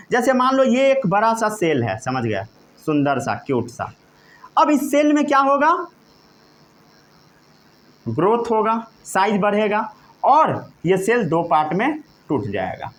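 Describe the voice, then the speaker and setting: A male teacher with a high, lively voice gives a classroom lecture. He talks slowly, dictating terms word by word and often pausing to ask if everyone has understood. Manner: repeatedly checks understanding with short questions; slow, emphatic dictation of key terms.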